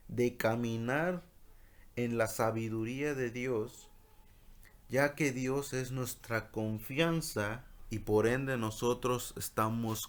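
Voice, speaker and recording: A man, a pastor, giving a sermon-style Bible study, reading scripture in a slow, measured way and explaining it. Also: fairly low pitch.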